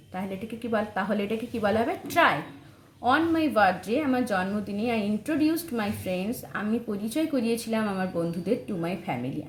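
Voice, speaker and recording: A woman teaching an English textbook lesson with a Bengali accent, reading English sentences slowly and then translating them. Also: fairly high pitch. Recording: roomy echo, faint background noise.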